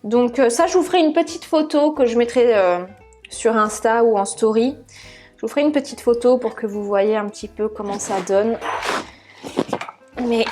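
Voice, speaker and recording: Chatty woman cooking live, bright voice. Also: fairly high pitch. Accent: southern French, put on. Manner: chatty, thinks aloud while cooking, self-mocking. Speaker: cooking channel host. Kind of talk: live cooking stream chat.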